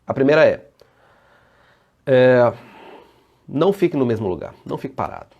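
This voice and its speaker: A man's voice: mid-range voice, very animated, normal speed, darkish tone, muffled recording. A Brazilian man, a safety engineer and trainer, giving a casual live online presentation and answering viewer comments as he goes. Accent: Brazilian Portuguese.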